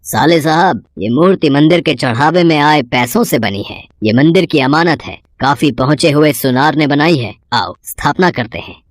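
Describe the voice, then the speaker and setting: A woman's voice: sits low, expressive, normal speed, few pauses. A woman voicing a bossy middle-aged village headman in a cartoon story. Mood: pleased. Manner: bossy, commanding.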